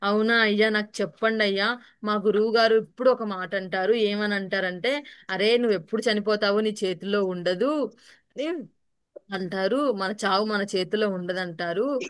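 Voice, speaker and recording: A woman's voice: mid-range voice, normal speed, clear, resonant tone, no echo, studio quality, natural voice. A woman voicing a foolish, eager young male disciple who talks politely and pleadingly in a told folk tale. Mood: naive, eager.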